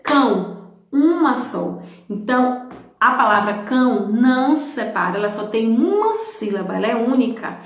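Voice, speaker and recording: A woman teacher talks to young children in a slow, patient way, her fairly high voice rising and falling in a lively sing-song. She asks questions and answers them herself, stretching syllables apart one by one. The room around her rings with a strong, hollow echo. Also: noisy background. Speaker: primary school teacher. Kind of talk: recorded lesson for young children. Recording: very echoey room.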